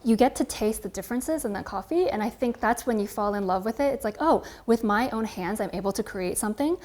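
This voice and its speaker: Her voice runs on the high side, fairly quick and darkish in tone, with lively intonation. She is a Californian barista and coffee content creator in her twenties with an American accent, casually and reflectively recounting her own story to camera.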